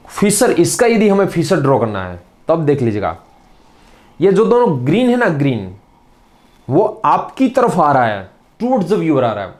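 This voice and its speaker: In a recorded chemistry class, a Gujarati-accented man repeats his points over and over, drilling them in, with occasional teasing asides to students. He speaks with a fairly high, darkish voice.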